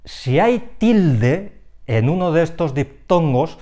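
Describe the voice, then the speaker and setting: A man explaining grammar rules in a clear, methodical way, calling out numbered headings. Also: fairly high pitch, animated, takes it slowly, dark tone. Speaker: language teacher.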